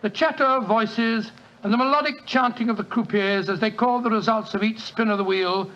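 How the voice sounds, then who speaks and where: An actor playing a genial elderly doctor, Watson, telling a story in bluff, old-fashioned 1940s radio style. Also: male voice, sits high, brisk, a bit bright. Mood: storytelling. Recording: dull lo-fi 1940s radio recording.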